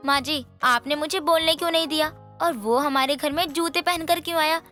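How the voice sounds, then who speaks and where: A rude young daughter-in-law with a bright, sharp, high voice, blunt and snippy in a cartoon story. Light music plays softly behind. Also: female voice, steady tone, brisk. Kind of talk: animated story dubbing.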